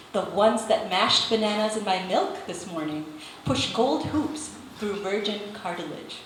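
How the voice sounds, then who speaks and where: A woman poet from England giving a live poetry reading, expressive in the poems and relaxed and chatty between them. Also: a little high. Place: live poetry event in an echoey room. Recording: very echoey room, faint background noise.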